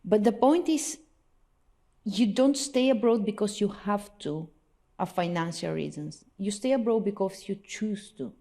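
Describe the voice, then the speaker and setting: A woman's voice: mid-range voice, a little slow, warm tone. A woman from Bulgaria, a guest in an interview, talking with enthusiasm and often restarting her words as she goes. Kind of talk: casual conversation.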